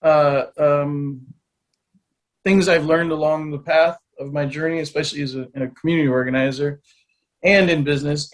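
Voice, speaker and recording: A man in his forties, a business mentor, talking as a guest in an energetic, uneven-paced way. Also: a little high, poor audio. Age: 40s. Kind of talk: interview guest, explaining.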